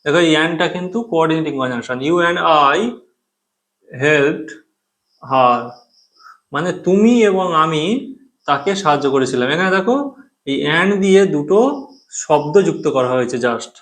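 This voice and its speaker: A Bengali-speaking man teaches English grammar, explaining patiently in Bengali while using English terms. He repeats key terms and keeps checking that students follow with "thik ache?" His voice is a little high and fairly bright, with a measured pace and long pauses.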